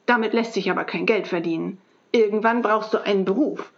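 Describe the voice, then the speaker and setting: A woman reading aloud and voicing a grumpy, stout, strict female schoolteacher in a gruff, scornful voice. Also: medium pitch, brisk, lightly acted. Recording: dull lo-fi recording.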